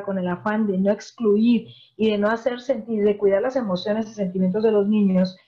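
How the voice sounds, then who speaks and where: A psychologist with a medium-pitched, dark-toned voice explains things to parents during a virtual talk, frequently posing rhetorical questions to them. She is heard through a video call, and the audio is muffled.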